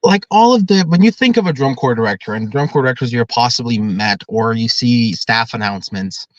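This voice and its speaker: A young man in his early twenties talks earnestly and at length about running his organization. His voice sits at an ordinary pitch. The recording is dull and dry, with no room around it. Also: lively intonation, fairly quick, dry recording. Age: 20s. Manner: earnest, talkative, explains at length. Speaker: drum corps director. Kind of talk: podcast interview.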